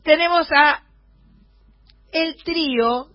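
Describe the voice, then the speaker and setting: A woman's voice: high voice, extremely slow, dry recording. A woman with a Rioplatense Argentine accent hosting a casual radio chat, talking with lots of fillers and hesitations. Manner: chatty, filler-heavy, hesitant. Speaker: radio host. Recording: muffled radio broadcast.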